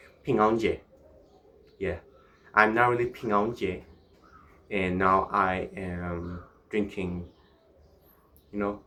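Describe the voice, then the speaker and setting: A man from Myanmar chatting casually in a solo vlog, musing in a halting way with pauses. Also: fairly low pitch, fairly bright tone. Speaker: vlogger.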